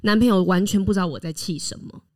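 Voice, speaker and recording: A woman's voice: medium pitch, quick pace. A young woman with a Taiwanese Mandarin accent, co-hosting a podcast and telling frank stories in casual chat. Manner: frank, expressive storytelling. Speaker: podcast co-host.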